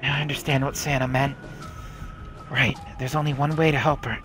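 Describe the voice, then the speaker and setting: A man voicing a desperate young man who shouts urgently while trying to save a girl. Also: medium pitch, level tone, brisk, music in the background, natural voice. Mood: determined.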